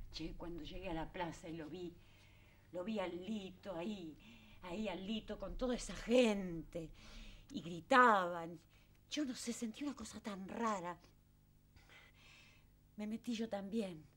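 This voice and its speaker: A woman's voice: on the low side, measured pace, long pauses, fairly bright tone. An actress playing a fiery working-class mother, a former factory girl, speaking with a Rioplatense accent and often near tears. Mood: wistful. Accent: Rioplatense Spanish. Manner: emotional, exclaiming, voice breaking into tears. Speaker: actress in TV drama. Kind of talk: 1970s TV drama acting.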